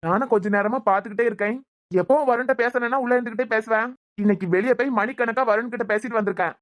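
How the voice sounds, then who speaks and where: Woman as a nagging cartoon husband, quick, higher-pitched, Kanyakumari Tamil accent, scolding. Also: natural voice. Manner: scolding and impatient. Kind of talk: cartoon serial voice acting.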